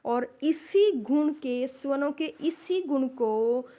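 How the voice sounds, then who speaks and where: A woman teacher lecturing her students, asking rhetorical questions and explaining each point slowly and deliberately. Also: high voice, animated, mellow. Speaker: Hindi literature lecturer. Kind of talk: classroom lecture.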